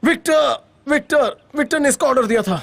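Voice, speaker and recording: A man's voice: extremely high pitch, a little fast, vocal fry, fairly bright tone, a little hiss or hum, heavily acted. A woman dubbing a scared captured male crook who pleads and stammers, in a Hindi film dub. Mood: pleading.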